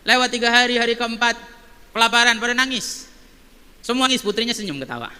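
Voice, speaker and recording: High bright man preaching in echoey hall. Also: fast, smooth. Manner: animated, many rhetorical questions. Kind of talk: sermon with storytelling. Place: mosque hall.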